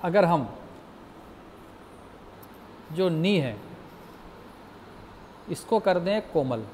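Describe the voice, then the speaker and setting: A man teaching music theory in a slow, patient lecture, explaining step by step and asking the class questions. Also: on the high side, animated, a little mellow, slight background noise.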